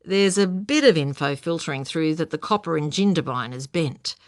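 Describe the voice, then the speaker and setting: A woman voicing a blunt, steady male country policeman in an audiobook. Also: deep voice, normal speed, no room sound, studio quality. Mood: serious.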